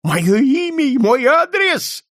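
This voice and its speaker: Guy reading a frightened old man, paranoid, high pleading voice, very animated, dry sound. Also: moderate pace, creaky, no echo, heavily acted. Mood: frantic. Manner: shrill, pleading, frantic. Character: paranoid frail old man, terrified and suspicious. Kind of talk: audiobook character reading.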